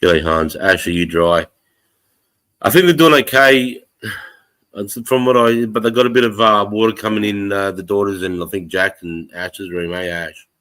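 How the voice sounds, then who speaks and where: A man's voice: fairly low pitch, normal speed, fairly bright tone, rough recording. An Australian man hosting a casual livestream, chatting in a blokey, slangy way with plenty of swearing. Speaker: livestream host.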